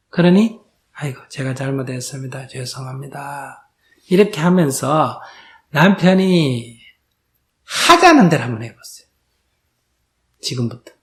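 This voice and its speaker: A Buddhist monk gives a question-and-answer dharma talk before an audience in a lecture hall, posing rhetorical questions and acting out quoted dialogue. His voice is on the high side with a fairly bright tone.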